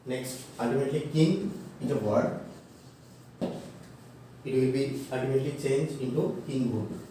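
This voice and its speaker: Male lecturer, unhurried, mellow tone, heard from a distance with faint background noise. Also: mid-range voice. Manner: slow, halting, many fillers and self-corrections, spells words out. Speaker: college English teacher. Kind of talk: classroom grammar lecture. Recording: echoey room, mic far off, faint noise.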